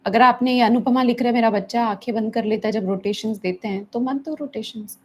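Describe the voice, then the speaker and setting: A woman's voice: fairly high pitch, fairly quick, slight background noise. Hindi-speaking woman therapist teaching. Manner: mixes English phrases into Hindi, acts out stressed parents in a raised voice. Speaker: therapist answering viewers' questions. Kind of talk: live teaching session.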